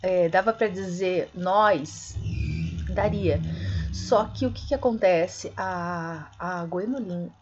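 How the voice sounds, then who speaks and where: A woman teaching an online literature class, explaining slowly, with many fillers and corrections. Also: lowish voice, muffled recording, crowd noise. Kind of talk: online lecture.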